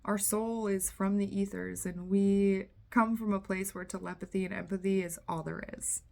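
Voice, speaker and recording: A woman's voice: mid-range voice, normal speed, gravelly. A woman, a tarot reader and spiritual coach, giving a casual channeling talk in a candid, earnest way, swearing now and then and acting out inner voices. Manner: animated, acts out inner voices.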